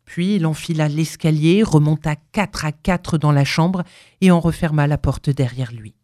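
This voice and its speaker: A woman reading a horror story aloud in a hushed, suspenseful way. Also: low-pitched, normal speed, no echo. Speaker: narrator.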